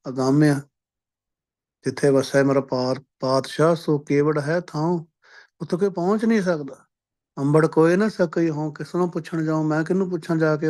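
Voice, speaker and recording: Male preacher, somewhat raised pitch; slow chanted verses, brisk plain explanation. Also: darkish tone. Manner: chants verses slowly, then explains in quick plain talk. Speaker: Sikh preacher giving katha. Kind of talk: scripture exposition sermon. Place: based in Canada.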